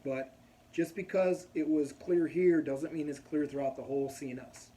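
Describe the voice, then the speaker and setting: A man's voice: on the high side, moderate pace, dark tone. A man casually telling a long personal story, rambling and going off on tangents. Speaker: vlogger.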